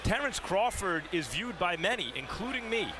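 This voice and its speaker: A man giving live boxing analysis, explaining in deliberate phrases. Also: sits high, big pitch swings, noisy background. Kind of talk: live sports commentary.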